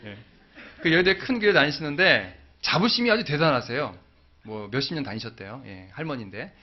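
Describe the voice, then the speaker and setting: A man's voice: medium pitch, a little fast. A male pastor preaching a sermon, telling stories and acting out the dialogue. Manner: animated storytelling, acting out dialogue. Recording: dull lo-fi recording.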